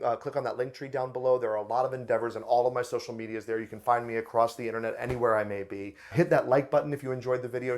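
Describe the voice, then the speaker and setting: A man's voice: mid-range voice, gravelly. A man hosting a review channel, talking through a TV episode in a chatty, enthusiastic way with fillers and restarts. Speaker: host of a book and film review channel. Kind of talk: casual review commentary.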